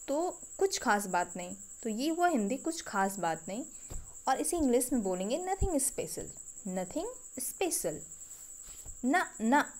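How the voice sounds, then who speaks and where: Indian woman teaching English phrases slowly. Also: high voice. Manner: slow, repeats each phrase with pauses. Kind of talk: spoken English vocabulary lesson.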